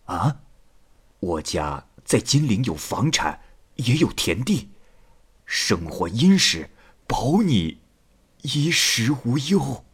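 A man voicing a greedy, scheming boatman who talks slowly and coaxingly. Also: sits low, lively intonation, a bit bright, husky, exaggerated voice. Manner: slow, coaxing, persuasive.

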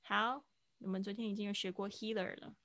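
A woman patiently explains English phrases to students in a live online class. Her voice has a gravelly edge, and the sound is dry and close, with no room behind it. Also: mid-range voice, steady tone, a little fast, a bit bright, no room sound. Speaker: English teacher.

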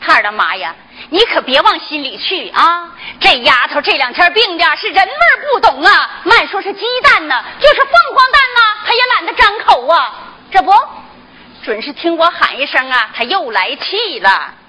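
A woman's voice: high voice, sing-song, moderate pace, bright, forceful tone, heavily acted. An actress playing a worried, pleading mother of a sick girl in northeastern folk opera dialogue, with a Northeast Chinese accent.

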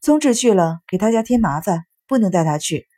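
A woman's voice: mid-range voice, lively intonation, brisk, mellow, breathy edge, no echo, clean studio sound. A woman voicing a stubborn teenage girl, an older sister who speaks firmly and insists on her way. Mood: insistent. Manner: firm and insistent.

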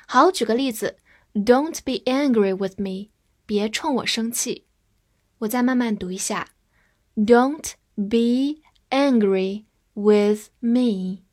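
Slow-spelling woman English teacher. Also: fairly high pitch. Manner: spells words out letter by letter, slow drilled repetition. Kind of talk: spoken vocabulary lesson.

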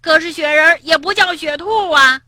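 A woman voicing a cheerful, feisty young male frog in a children's storybook, with lively exclamations. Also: a little high, unhurried, dry recording, clean studio sound, heavily acted. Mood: indignant.

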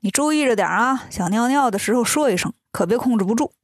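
A cheeky, clever monkey king who teases everyone around him, voiced by a woman. His voice is fairly high, heard in a dry, close children's storybook recording. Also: lively intonation, quick pace, breathy edge, dry recording. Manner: teasing, playful.

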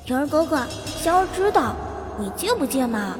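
Xiang'er, a coy, high-voiced girl, put on by a male narrator. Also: big pitch swings, normal speed, big-room sound, soft background music. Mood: coaxing sweet. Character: clever sweet young girl, coaxing. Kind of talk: storytelling narration.

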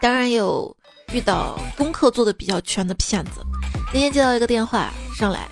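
A woman hosting a comedy podcast, reading jokes in a teasing way and jumping to high, excited tones on the punchlines. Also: a little fast, faint music behind. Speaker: host.

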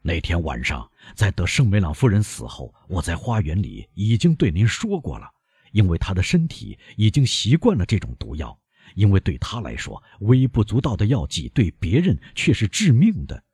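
A relentless doctor, voiced by a man reading an audiobook, cold and measured as he presses his case. His deep voice is rough and husky, rising and falling sharply, and sounds dry and close. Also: huge pitch swings, darkish tone, no room sound, heavily acted. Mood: stern. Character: stern older male doctor, relentless accuser.

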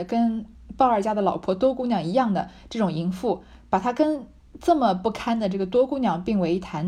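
A woman's voice: mid-range voice, mellow. A middle-aged woman retelling and explaining a classic novel in a conversational teaching style, with fillers and rhetorical questions. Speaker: literature lecturer.

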